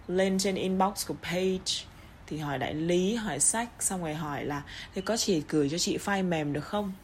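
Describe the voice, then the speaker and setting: A Vietnamese-accented woman with a fairly low voice leads an English pronunciation lesson. She is blunt and scolding in her asides, then reads the example sentences slowly, stretching the intonation. A faint hiss of background noise sits under her voice. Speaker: English teacher.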